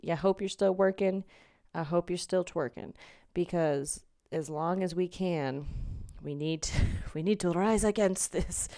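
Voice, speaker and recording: Brief: woman doing a laid-back mock-Jamaican hype voice, encouraging and slangy, fairly low. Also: measured pace, dark tone. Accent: attempted Jamaican. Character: breezy woman cheering on a hustling neighbor.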